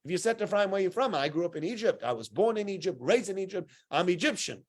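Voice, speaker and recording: A man's voice: high voice, expressive, fast. A man teaching the weekly Torah portion to a small group, conversational and full of rhetorical questions. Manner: conversational, rhetorical questions, acts out quoted exchanges. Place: synagogue room with listeners.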